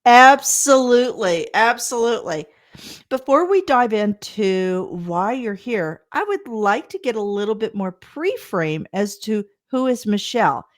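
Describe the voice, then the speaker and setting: A woman's voice: on the high side, lively intonation, measured pace. A woman hosting a podcast, speaking earnestly and leaning hard on key words as she introduces her guest. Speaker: podcast host. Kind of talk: podcast interview.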